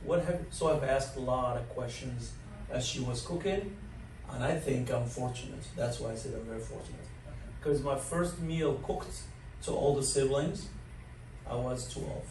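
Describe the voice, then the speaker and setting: In a large learning center room, recorded from a distance with echo and faint noise, a Moroccan dining director in his sixties shares his life story with an interviewer. His mid-range voice is a little mellow and moves at normal speed, and his telling is rambling, dotted with chuckles and many fillers.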